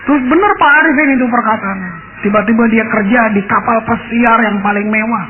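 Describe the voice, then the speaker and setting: A male pastor with a notably high voice tells a sermon story, regularly turning to his congregation as brothers and sisters. The sound is narrow and tinny, like a phone line, with a faint hiss behind it. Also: a little fast.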